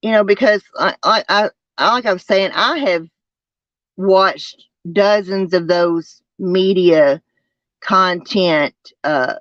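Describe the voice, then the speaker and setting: A person with a twangy Southern US accent, chatting casually to a livestream, haltingly and with repeated phrases. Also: mid-range voice, fairly bright tone, dry recording. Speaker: livestream host. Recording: dull lo-fi sound.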